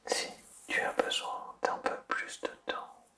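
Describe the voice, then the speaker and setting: Hushed, very slow night-time ASMR whisper. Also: distant mic. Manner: soothing, slow, deliberate, with long pauses. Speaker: ASMR sleep guide. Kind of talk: ASMR sleep hypnosis, whispered guidance.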